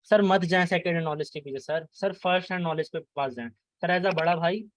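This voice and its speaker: A man's voice: a little high, fairly quick, no echo. A young man giving an orientation lecture on law, mixing in English phrases and often asking "right?". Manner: mixes English phrases, keeps asking "right?", repeats words.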